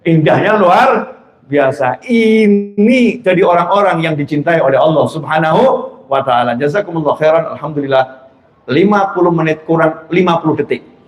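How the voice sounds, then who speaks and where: A man preaching a sermon, swinging from loud exhortation to quiet asides. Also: fairly high pitch, normal speed. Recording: echoey hall.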